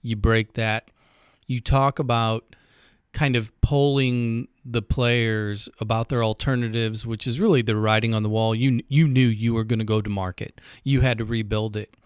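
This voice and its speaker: A man's voice: mid-range voice, steady tone, normal speed, clean tone, no echo, studio quality. A man hosting a podcast, asking long questions with small restarts. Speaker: podcast host. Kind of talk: interview questions.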